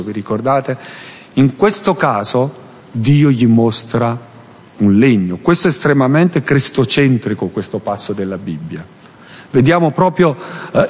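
A man preaching a sermon with earnest, rising and falling emphasis, pausing to search for a verse aloud. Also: mid-range voice, darkish tone. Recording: long hall reverb.

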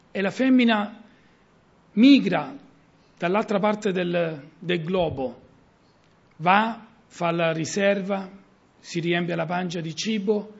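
A middle-aged man preaching a sermon, earnest, with emphasis that rises and falls. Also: sits high. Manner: earnest, rising and falling emphasis. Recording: muffled lo-fi recording.

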